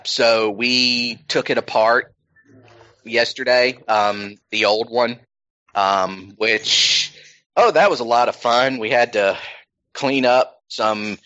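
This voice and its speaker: A man's voice: medium pitch, slow pace, sharp tone. A man chatting casually as a podcast host, rambling with many ums and restarts. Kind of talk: casual chat. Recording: slightly dull lo-fi sound.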